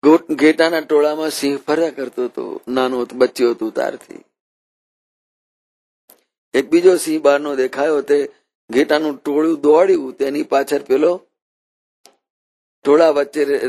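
A man preaching a devotional sermon in an earnest, reverent way, slowing down to recite verses. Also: a little high, vocal fry, a little mellow. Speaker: spiritual preacher.

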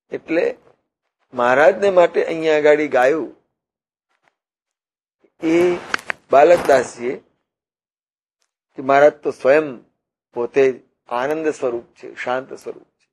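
A man preaching a devotional sermon, teaching slowly and repetitively with rhetorical questions and parables. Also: a little high, darkish tone. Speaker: religious preacher.

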